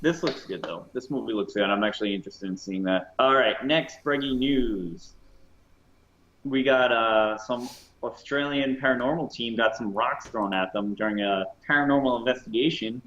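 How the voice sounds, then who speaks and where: A man's voice: mid-range voice, normal speed, fairly bright tone, dull audio, a little hiss or hum. A man co-hosting a casual podcast, reading news aloud and often tripping over his words. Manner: stumbling, self-correcting reader. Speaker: co-host.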